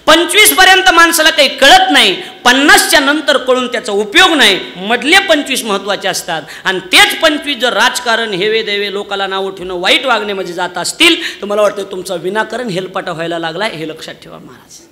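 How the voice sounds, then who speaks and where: A man preaching a comic devotional sermon on stage, loudly acting out the voices of villagers in his stories. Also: high-pitched, a little fast, few pauses. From Maharashtra, India. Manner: loud, animated storytelling, acting out villagers' voices. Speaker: kirtan preacher.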